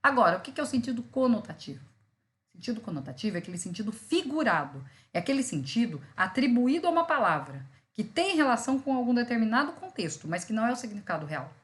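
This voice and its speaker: Talking fast with big swings in her fairly high voice, a Brazilian law school teacher lectures online about vocabulary. She has a Brazilian Portuguese accent, explains meanings through examples, and checks in constantly with "né" and "tá."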